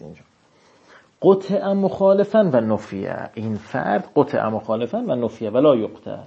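A man giving a seminary lecture on religious law. He reads classical text out slowly, then explains it in casual speech. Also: medium pitch, vocal fry, dark tone, slightly rough, lo-fi sound.

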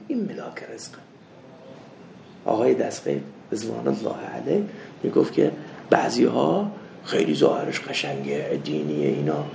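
A man teaching a seminary lesson, mixing anecdotes with doctrine, swinging from loud rebukes to soft asides. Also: mid-range voice, creaky, a little hiss or hum. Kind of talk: religious lecture with anecdotes. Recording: echoey room with faint ambience.

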